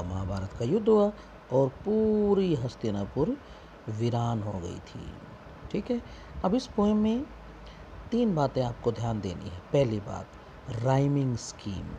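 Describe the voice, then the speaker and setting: A man's voice: medium pitch, mellow, highs cut off, slight background noise. A male teacher explaining a poem line by line, reading the English and then quizzing his students in Hindi.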